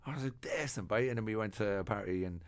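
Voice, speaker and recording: A man with an Irish accent, a podcast guest in casual chat, telling lively stories and quoting others with sudden bursts of energy. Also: lowish voice, very fast, clean tone. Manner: animated storyteller, quotes others in lively bursts. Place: music studio.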